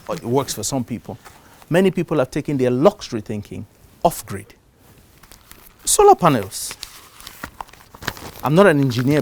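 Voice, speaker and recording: Middle-aged man giving an animated conference talk. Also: medium pitch. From Cameroon. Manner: animated, shifts loudness for emphasis. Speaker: conference speaker. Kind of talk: live talk on investing. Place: conference stage before an audience.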